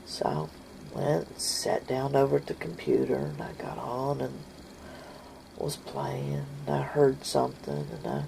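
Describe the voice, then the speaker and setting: A woman's voice: rumbling low, sing-song, measured pace, vocal fry, noisy background. A woman telling a funny family story in a casual, folksy way, often laughing as she goes.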